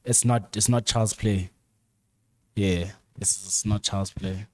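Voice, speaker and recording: A man's voice: fairly low pitch, steady tone, takes it slowly, a little mellow. A man, a guest on a casual chat show, talking emphatically in slang and often repeating or restarting his phrases. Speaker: guest, camera operator.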